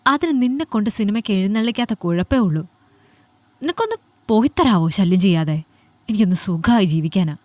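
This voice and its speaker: A contemptuous middle-aged husband who snaps out belittling words, as a woman storyteller puts him on. The sound is dry and close, with no room around the voice. Her pitch sits mid-range even for the man's lines. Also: fairly quick, no echo, close to an everyday voice. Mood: scornful, angry. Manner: scornful, belittling, snapping. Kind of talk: Malayalam audiobook storytelling.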